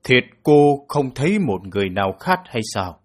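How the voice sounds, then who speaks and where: A man voicing a stern prosecutor who questions a suspect in a slow, measured manner in an audiobook drama. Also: mid-range voice, sing-song. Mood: probing. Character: stern male prosecutor, calm and probing.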